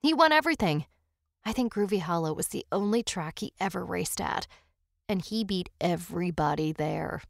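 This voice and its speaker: A woman's voice: lowish voice, expressive, normal speed, gravelly, dry recording, studio quality. Woman voicing a chatty small-town dad. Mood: reminiscing. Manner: rambling, folksy storytelling. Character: chatty small-town father recalling old racing days.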